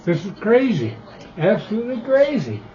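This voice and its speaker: This American man in his eighties, an amateur radio operator, chats casually with a warm, sing-song voice that sits high, at normal speed. He comes across as blunt, opinionated, and rambling, heard through dull lo-fi ham radio audio.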